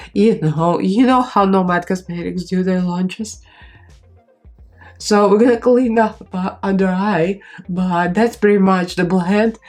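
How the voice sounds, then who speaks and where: With a cold making her voice stuffy, nasal and strained, a woman chats her way through a makeup tutorial, rambling with fillers as she applies each product. She's a beauty vlogger, and her voice is medium-pitched with a darkish tone.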